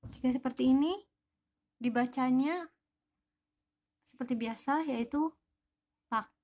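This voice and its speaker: A woman's voice: high-pitched, slow pace, a little mellow. A woman teaching a language lesson, patiently explaining each example word one by one.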